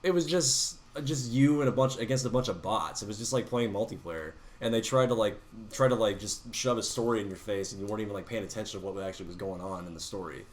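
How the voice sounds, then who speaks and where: A man with a cold-roughened, hoarse voice, co-hosting a casual gaming podcast and swearing freely as he restarts his sentences. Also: fairly low pitch, quick pace. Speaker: podcast co-host. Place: indoors, in Nebraska.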